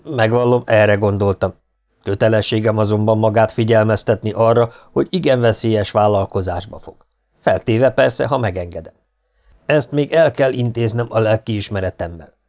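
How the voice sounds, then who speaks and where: A stern Foreign Legion major in an audiobook , voiced by a male reader, clipped and commanding, who erupts into high, loud rage. His speech is full of curt orders and furious shouting. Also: natural voice. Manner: curt, bursts into shouted raging. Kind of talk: audiobook character voice.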